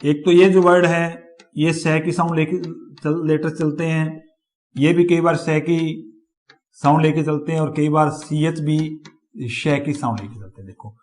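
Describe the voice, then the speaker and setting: A man's voice: on the high side, steady tone, a little slow, darkish tone. A man giving a step-by-step lecture, repeating each example word as he explains. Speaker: teacher. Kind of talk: classroom lecture on phonetics.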